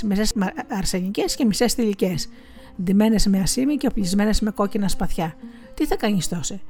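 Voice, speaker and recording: A woman's voice: medium pitch, a little mellow, close to an everyday voice. A woman voicing a blind, wise old man who leads a band of swindlers and lectures a thief. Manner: lecturing, knowing.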